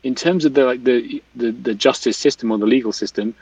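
A man's voice: medium pitch, brisk, a little mellow, breathy edge, no echo. A man explains things casually and thoughtfully, often restarting and rephrasing as he goes. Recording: distant mic, slightly dull, dry sound.

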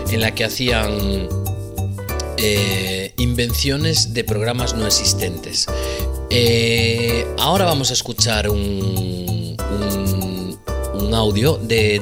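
A man presenting a radio segment in a halting way, with many filler sounds. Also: lowish voice. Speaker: radio host. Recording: loud salsa music under the voice.

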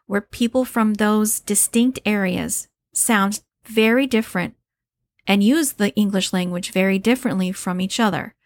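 A woman from the United States, an English teacher, giving a calm, reassuring podcast lesson. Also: medium pitch, no echo, studio quality.

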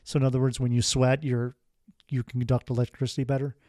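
A man's voice: medium pitch, little pitch movement, fast, mellow, dry recording, clean studio sound. A man hosting a podcast, telling a strange story in a casual, rambling way with wry asides. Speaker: podcast host.

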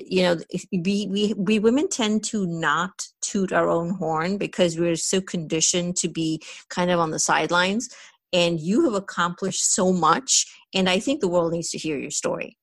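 A woman hosting a podcast, reading a scripted intro and then chatting with her guest in an upbeat, encouraging way. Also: on the low side. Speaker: podcast host. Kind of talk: scripted intro, then casual interview chat.

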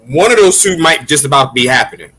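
A man's voice: mid-range voice, animated, fast, sharp tone, husky, rough recording. A man from Brooklyn hosting a casual podcast, talking in a hyped, swearing, teasing way. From Brooklyn, New York. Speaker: podcast host. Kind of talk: casual wrestling podcast banter.

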